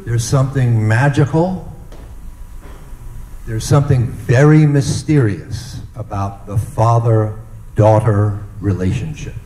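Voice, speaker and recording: A middle-aged man giving a humorous father of the bride speech, telling stories slowly with deliberate dramatic pauses. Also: medium pitch, dark tone, echoey room, a little hiss or hum, rough recording.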